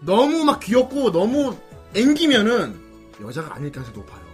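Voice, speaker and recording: A man's voice: high voice, brisk, husky. A man hosting a casual comedic chat, teasing his guests with lots of laughter. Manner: teasing, animated, breaks into laughter. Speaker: host. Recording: music playing behind.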